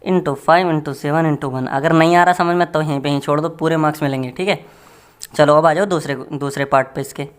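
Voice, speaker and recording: A man's voice: on the high side, fairly even intonation, moderate pace, smooth. Male maths tutor, casual and joking, friendly classroom patter. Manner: chatty and joking, addressing students as friends.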